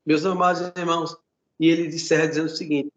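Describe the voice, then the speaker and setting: Fervent Brazilian pastor, dull lo-fi sound. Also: male voice, a little high, little pitch movement, fast talker. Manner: fervent, repeats words, addresses listeners as brothers. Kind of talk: sermon with a retold testimony.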